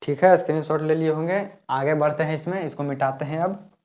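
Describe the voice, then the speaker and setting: A male physics teacher explains a lesson at a board step by step, patiently repeating key terms. His voice is fairly high with a darkish tone and a fairly quick pace, and it fades whenever he turns to write.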